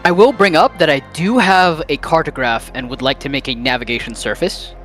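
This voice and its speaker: A man playing in a tabletop game, measured and self-correcting. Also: on the high side, a bit bright, faint music behind. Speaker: player. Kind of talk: in-character tabletop play.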